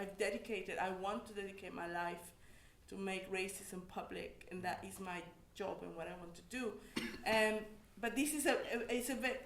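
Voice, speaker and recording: Her pitch medium and a bit bright, a woman from Mexico speaks as an academic panelist, offering personal testimony in a thoughtful, stop-and-start way with many restarts. The room around her echoes.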